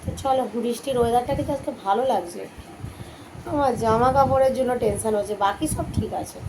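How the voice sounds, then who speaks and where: Hoarse chatty mother with a cold. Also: on the high side, quick pace, noisy background. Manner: chatty, scolds her children in between. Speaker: vlogger, mother. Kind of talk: casual home vlog chat.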